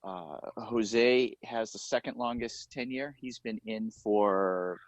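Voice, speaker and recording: This is a middle-aged man with a low voice who has played in a touring brass group for decades. He talks in a loose, rambling way, restarting sentences and slipping in deadpan jokes. The sound is dry and close. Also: takes it slowly, no room sound. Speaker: founding member of a brass quintet. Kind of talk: casual Q&A answers at a masterclass.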